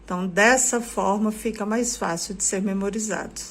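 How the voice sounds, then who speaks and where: A Brazilian woman teacher giving a recorded online lesson, explaining slowly and patiently with lists and repetitions. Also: medium pitch. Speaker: teacher and storyteller.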